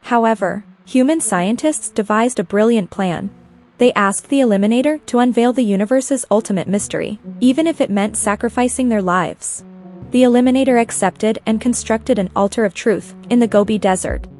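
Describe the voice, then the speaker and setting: Higher-voiced woman narrating a story. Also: normal speed, a little mellow, faint music behind. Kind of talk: scripted narration.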